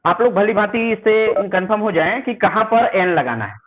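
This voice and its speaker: A man teaching English grammar in Hindi, often pausing to ask whether the listener follows and slowly repeating example words. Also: sits high. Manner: spells out sounds and example sentences while writing. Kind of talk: spoken classroom lesson. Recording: narrow phone-like audio.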